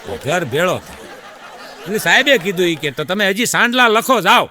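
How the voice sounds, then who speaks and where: Bright-voiced Gujarati man telling folk jokes. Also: sits high, moderate pace, in a large hall, some chatter behind, a little hiss or hum. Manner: lively folk storyteller, addresses audience as sir. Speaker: comedian. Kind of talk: stand-up folk comedy storytelling.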